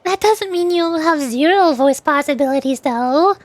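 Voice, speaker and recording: A woman with a high voice chats casually on a livestream at normal speed about voice acting, rambling, repeating, and correcting herself. She's a streamer and amateur voice actor, recorded dry.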